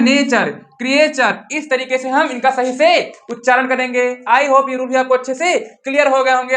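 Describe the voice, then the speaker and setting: A man's voice: very high-pitched, bright, forceful tone. A male teacher with a Hindi accent giving an English pronunciation lesson, repeatedly asking his students questions and answering them himself.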